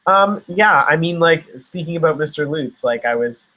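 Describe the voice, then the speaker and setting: A man's voice: a little high, animated, normal speed, sharp tone, rough recording. A young man from Nova Scotia, an actor guest in a casual interview, talking in a rambling way with many fillers and restarts. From Nova Scotia, Canada.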